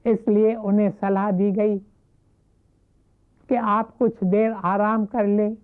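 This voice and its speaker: A woman giving a devotional talk, retelling a story in a measured, reverent way. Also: medium pitch, flat delivery, smooth. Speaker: spiritual speaker. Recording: narrow phone-like lo-fi audio.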